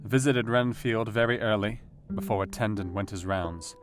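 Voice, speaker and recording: An actor playing a brooding, intellectual Victorian asylum doctor, speaking a measured, formal diary monologue in a radio play. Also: male voice, on the low side, natural voice. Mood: measured, reflective. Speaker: actor in an audio drama. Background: guitar music.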